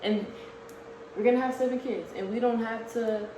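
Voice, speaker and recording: A woman's voice: a little high, steady tone, moderate pace, lo-fi sound. A woman in her early twenties co-hosting a casual vlog, arguing her point earnestly with many stumbling restarts. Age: early 20s. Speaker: vlog co-host. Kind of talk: casual argument on camera. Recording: echoey room with faint hiss.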